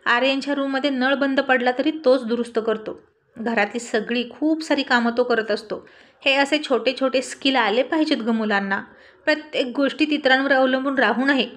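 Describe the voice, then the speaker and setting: Woman voicing a calm, lecturing mother. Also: high voice, moderate pace. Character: practical middle-aged mother, calm.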